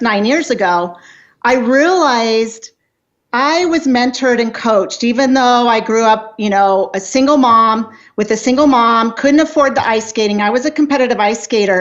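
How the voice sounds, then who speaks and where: A woman's voice: a little high, highs cut off. A woman in her fifties, a life coach talking earnestly and motivationally as an interview guest, with frequent restarts. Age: 50s. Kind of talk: casual interview chat.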